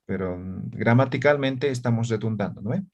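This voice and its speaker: A man's voice: medium pitch, moderate pace, darkish tone, lo-fi sound. Patient man teaching a language class. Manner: patient, frequent "¿ya?" and "¿no?" checks. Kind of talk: online class explanation.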